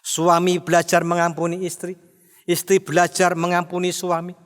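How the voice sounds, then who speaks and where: Middle-aged man as pastor, emphatic sermon, high voice, echoing church. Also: completely flat delivery, moderate pace. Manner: emphatic preaching with rhetorical questions; mimics quarrelling spouses in a raised voice. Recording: long reverb of a church hall.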